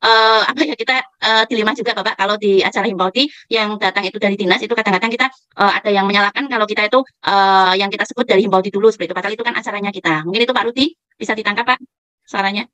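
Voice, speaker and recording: A woman asks a long question over a video call. She talks very fast in a bright, forceful voice and is polite, often stopping to search for the right word. Her sound is dry and close to the mic. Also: mid-range voice, dry recording. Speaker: local association chair asking a question. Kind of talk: online Q&A question.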